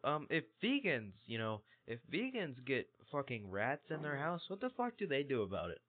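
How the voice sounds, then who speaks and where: A man's voice: medium pitch, huge pitch swings, normal speed. A man co-hosting a crude podcast, swearing often and rambling through stories in casual chat. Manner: swears a lot, rambling storyteller. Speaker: podcast co-host. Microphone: online voice chat. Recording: tinny voice chat line.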